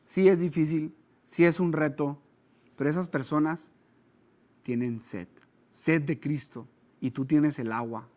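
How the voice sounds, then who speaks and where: A man preaches a teaching sermon. He talks to his listeners directly and conversationally, and he becomes animated when he tells stories. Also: a little high, measured pace, pauses often. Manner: conversational, with lively storytelling. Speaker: pastor.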